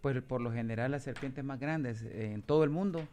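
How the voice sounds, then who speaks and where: A man in his forties with a Honduran accent speaks in a middle-pitched voice as a guest on a radio show. He talks earnestly and slips into fervent, sermon-like exhortation. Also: normal speed, warm tone. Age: 40s. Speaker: radio station engineer and guest. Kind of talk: radio interview chat.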